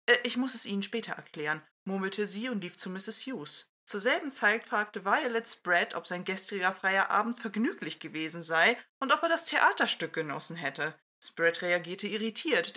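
Bright-voiced woman reading a story aloud. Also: medium pitch. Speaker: podcast co-host reading a listener-written story. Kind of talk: reading a fan story aloud, then casual chat.

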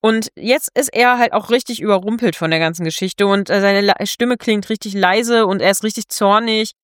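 A chatty woman retells a story in relaxed conversation, checking in with her listener now and then. Her voice sits at a middle pitch. The sound is dry and close, with no room around it. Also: moderate pace, no echo. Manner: chatty, keeps tagging lines with 'ne?'. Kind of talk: casual chat retelling a novel.

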